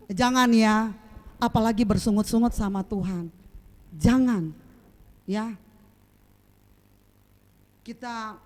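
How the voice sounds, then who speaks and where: A woman preaching a sermon in a lively, storytelling way, acting out moments with sound effects and often asking the congregation to agree. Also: on the high side.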